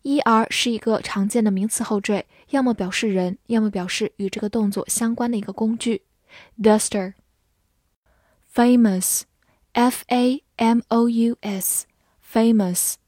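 A young woman teaching English vocabulary in a recorded lesson, spelling words out letter by letter and reading example sentences slowly and deliberately. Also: medium pitch, fairly even intonation, no echo, clean studio sound.

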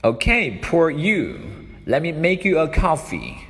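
A man's voice: a little high, wildly swooping pitch, slow pace, fairly bright tone, pitched above the performer's own voice, exaggerated voice. A man reading the part of a friendly man who asks his tired friend what's wrong, in a plain caring way. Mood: concerned. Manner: plain caring reading of a learner's dialogue line. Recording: long room reverb.

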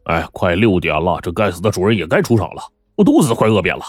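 A man's voice: low voice, sing-song, quick pace, no room sound, clean studio sound. A man doing a fat, hot-tempered blusterer. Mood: grumbling. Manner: blustering, grumbling.

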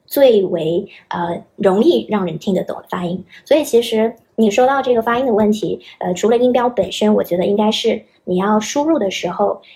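A woman's voice: mid-range voice, darkish tone. A young woman, an English teacher, patiently explaining pronunciation as a podcast guest and demonstrating sounds as she goes. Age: young adult.

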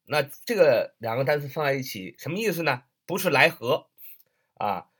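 A man teaching English listening tips in a casual online lesson, spelling words letter by letter and repeating them slowly, with frequent "uh" and "ah" fillers. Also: mid-range voice, expressive, fairly bright tone, slightly rough.

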